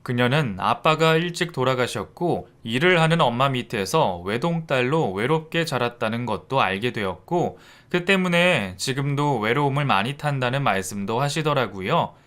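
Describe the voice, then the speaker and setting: A man tells a story from his own life in an even, reflective tone. His pitch sits in the middle, and the telling feels like a quiet confession. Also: normal speed, few pauses. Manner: calm, reflective confessional narration. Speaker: narrator. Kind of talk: first-person storytelling narration.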